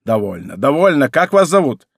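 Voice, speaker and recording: A man's voice: medium pitch, sing-song, normal speed, gravelly, breathy edge, dry recording, studio quality, full character voice. A man voicing an imperious noble who leads an ambush, speaking in a commanding, haughty way in an audiobook. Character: imperious noble leader of an ambush, used to obedience. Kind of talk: audiobook character voice.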